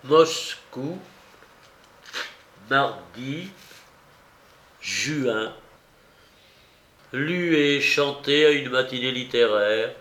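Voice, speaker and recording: A man's voice: mid-range voice, expressive, extremely slow, long pauses, a bit bright. A man reading an audiobook voices the diary of a young actress, intense and confessional. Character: young actress writing her private diary. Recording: roomy echo.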